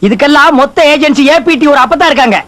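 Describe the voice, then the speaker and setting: An actor playing a bickering village man who fires off quick, mocking retorts in film comedy. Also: very high-pitched, lively intonation, a bit bright, slight background noise.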